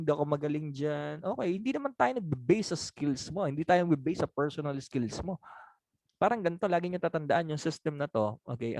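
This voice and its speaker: A man's voice: fairly high pitch, a little mellow, no room sound. Chatty man coaching on sales objections. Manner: conversational, laughs often, asks for agreement. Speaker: sales trainer. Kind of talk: training talk answering objections.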